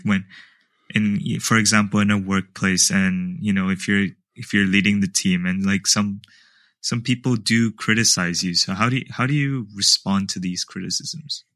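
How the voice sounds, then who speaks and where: A man interviewing a guest, asking his questions hesitantly with many pauses and fillers. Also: low-pitched, bright, forceful tone, dry recording. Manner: hesitant, many ums and likes.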